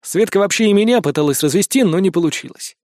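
A brash, laid-back gamer friend, read by a male narrator in an audiobook. He lectures bluntly, full of slang, in a fairly high voice. The sound is close and dry. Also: lively intonation, fast, darkish tone, dry recording. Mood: lecturing.

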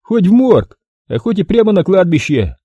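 Brief: male reader doing a hostile door guard, raised strained voice, loud and rude. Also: high-pitched, very animated, normal speed, husky, dry recording, dull audio, voice pushed up, heavily acted. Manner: rude, snapping, threatening.

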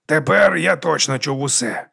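A man's voice: fairly high pitch, brisk, gravelly, fairly bright tone, voice pushed up, full character voice. A man playing a grumbling male necromancer, sarcastic and put-upon, for a storybook reading. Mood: stunned.

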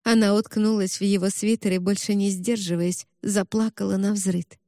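A woman reading a novel aloud with an expressive, emotional delivery. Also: mid-range voice, moderate pace, no echo, clean studio sound. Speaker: narrator. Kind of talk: audiobook narration.

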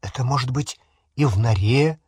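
An easygoing teenage wizard boy, voiced by a male reader, offhand and teasing. The voice stays husky and plain, recorded dry and close. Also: mid-range voice, moderate pace, a little mellow, dry recording. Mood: uneasy. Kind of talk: audiobook character voice.

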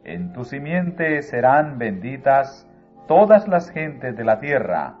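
God swears a grave, majestic blessing in slow, deliberate phrases, as read by a man. The voice keeps a plain middle pitch. The sound is thin and phone-like, with faint music beneath it. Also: sing-song. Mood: solemn.

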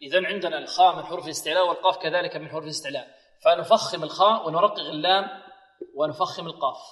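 A man teaching Quran recitation to students, asking them questions and reciting examples slowly and carefully. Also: fairly high pitch, fairly bright tone, in a large hall. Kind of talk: tajweed lesson with slow demonstrations.

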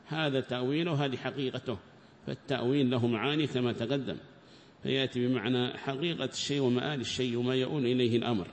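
A man explaining a scripture passage in a measured lesson, repeating his points for emphasis. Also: medium pitch, steady tone, in a large hall. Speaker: teacher of Quran commentary.

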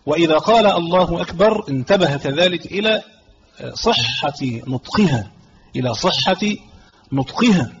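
A man with an Egyptian accent teaching a religious lesson as a sheikh, reading a line of the text and then explaining it slowly, repeating key phrases. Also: on the high side, animated, slightly rough. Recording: slightly dull audio with faint background noise.

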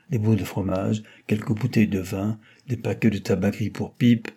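A man narrating a novel in an audiobook, in a measured, even storytelling manner. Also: lowish voice, husky. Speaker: audiobook reader.

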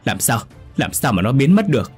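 A man's voice: deep voice, moderate pace, breathy edge, soft background music. A man voicing a young husband, polite and deferential. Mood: frantic. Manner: polite, then shouting.

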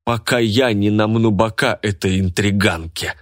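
A man's voice: fairly low pitch, steady tone, a little slow, dry recording, clean studio sound, natural voice. A man voicing a jealous, burly young woman who bellows and bosses everyone around. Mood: boastful. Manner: bellowing and bossy.

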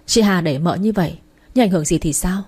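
Brusque young doctor, read by a woman; mellow husky voice. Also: on the low side, quick pace. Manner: brusque, commanding.

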